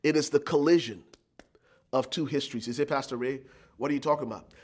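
A middle-aged man from Liberia, preaching a sermon as pastor with emphatic, repeated lines and calls to the congregation. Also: on the high side.

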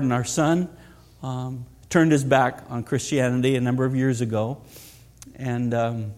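A man's voice: mid-range voice, a little mellow. A middle-aged man preaching a sermon as pastor, earnest and asking rhetorical questions.

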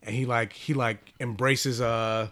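A man in relaxed podcast chat, recapping a comic issue with plenty of "uh"s, "like"s and restarts. His voice is bright and forward, at an ordinary mid pitch. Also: unhurried. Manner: rambling, with many fillers and restarts. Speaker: podcast host reviewing comics.

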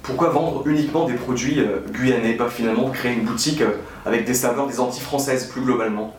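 A man interviewing a business owner, asking structured questions at a brisk pace. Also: mid-range voice, steady tone, a little hiss or hum. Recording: roomy and distant with faint background ambience.

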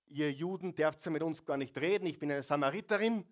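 Samaritan woman at a well, skeptical and brusque, read by a male preacher; quick, dismissive lines. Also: a little high, natural voice.

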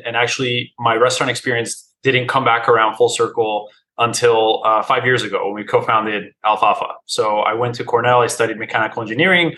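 A man's voice: on the low side, pushed and bright, slight background noise, rough recording. A man in his thirties from Colombia, co-founder of a restaurant, speaking as an interview guest, friendly and hesitant. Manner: friendly, hesitant with many "uh" fillers.

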